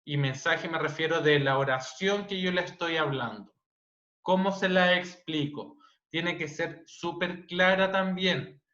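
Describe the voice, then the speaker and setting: A loud, bright, forceful Chilean man lectures students over a video call, punctuating his points with constant tag questions. His slightly high voice sounds roomy and dull, as if the mic sits in a bare room. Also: measured pace. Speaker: teacher. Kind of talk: online class lecture. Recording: dull, roomy online-class audio.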